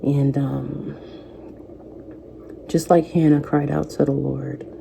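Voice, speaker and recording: A woman in her thirties, a vlogger, speaking softly and reflectively to camera, offering faith-based encouragement. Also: very deep voice, level tone, slow, creaky, a little hiss or hum. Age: 30s. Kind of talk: personal talk to camera.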